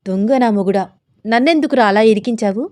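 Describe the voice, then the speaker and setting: A woman's voice: a little high, brisk, a little mellow, lightly acted. A woman voicing a shy young wife who coyly protests her husband's advances. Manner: protesting, coy.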